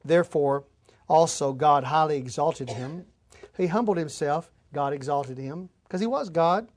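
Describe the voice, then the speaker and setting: High-voiced man preaching a sermon. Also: measured pace. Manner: reads scripture then explains it plainly; addresses listeners as folks. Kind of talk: expository sermon.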